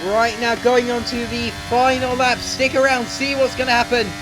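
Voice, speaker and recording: A man's voice: very high voice, little pitch movement, moderate pace, background noise. A young man gives breathless, urgent play-by-play of his own racing game as a gaming YouTuber. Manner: breathless, urgent, narrating each move as it happens. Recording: game music playing clearly behind the voice. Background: game music under the voice.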